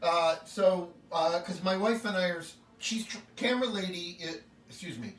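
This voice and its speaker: A man talks through a home cooking demonstration in a friendly, joking way. His voice sits fairly high for a man. He is picked up from some distance in an echoey home kitchen with a faint hum of noise behind him. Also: lively intonation, normal speed, fairly bright tone. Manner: chatty and upbeat, jokes with the camera operator. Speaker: home cooking show host.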